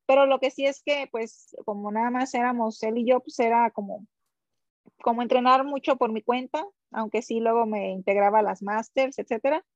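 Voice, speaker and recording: Mexican woman athlete guest, a bit high-pitched, filler-heavy chat, lo-fi dry remote line. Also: moderate pace, dry recording. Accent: Mexican Spanish. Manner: rambling, many fillers like "este" and "o sea". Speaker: guest, professional triathlete. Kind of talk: casual conversational interview.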